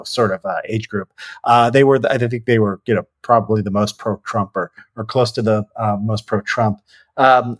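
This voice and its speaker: Low-voiced host man, rambling fillers. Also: dry recording, clean studio sound. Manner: rambling, heavy fillers like "you know". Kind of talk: casual conversational discussion.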